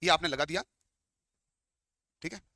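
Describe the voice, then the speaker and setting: A man's voice: a little high, unhurried, pushed and bright, no room sound, clean studio sound. A man teaching a class, firing questions at his students and answering them himself. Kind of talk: classroom lecture.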